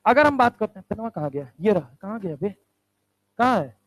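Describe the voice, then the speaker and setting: A male chemistry teacher lecturing a class, firing quick rhetorical questions and answering them himself. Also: sits high, big pitch swings, no room sound, rough recording. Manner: answers his own questions aloud.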